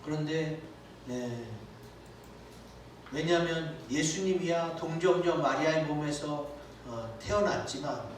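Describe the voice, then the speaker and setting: A pastor preaching a sermon in a church, talking conversationally and asking his listeners rhetorical questions. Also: on the high side. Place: church sanctuary. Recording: echoey church hall from far off with faint noise.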